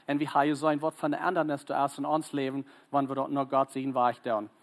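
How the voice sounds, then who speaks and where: A man with a Plautdietsch accent preaching a sermon, earnest and urging, often pausing and restarting mid-sentence. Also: mid-range voice, level tone. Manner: halting, frequent hesitations and restarts.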